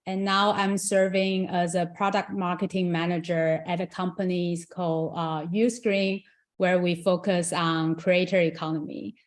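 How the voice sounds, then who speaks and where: A woman's voice: on the low side, flat delivery, a little slow. Upbeat young woman moderating an online forum. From Taiwan. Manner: upbeat, chatty, with fillers. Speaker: event moderator. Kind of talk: casual online event hosting.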